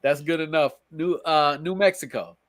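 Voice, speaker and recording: A tired man with a New York accent hosting a casual live stream, laid-back and slangy, reading chat and giving shout-outs. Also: a little high, normal speed, no room sound, studio quality.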